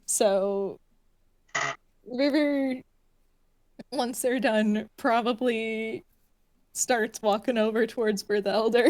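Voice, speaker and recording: A woman's voice: fairly high pitch, darkish tone. A woman chatting casually as a player in a tabletop role-playing game.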